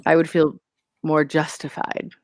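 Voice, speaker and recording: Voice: medium pitch, completely flat delivery, measured pace, no room sound, clean studio sound, natural voice. A player voicing a pissy, mischievous deity of balance in a tabletop game, in a casual, wry manner. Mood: grudging, wry.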